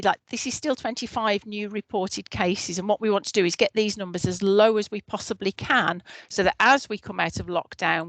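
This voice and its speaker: A woman on a video call who works as a public health officer, presenting health figures to a community meeting in a clear, explanatory, steady way. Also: mid-range voice, no echo, low-quality recording. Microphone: computer mic on a video call.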